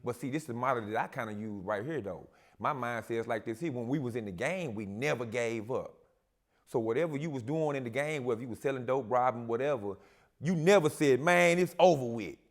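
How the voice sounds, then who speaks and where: A man on a casual talk show as a guest, speaking in a calm, steady, reflective way with Southern slang. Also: mid-range voice, brisk.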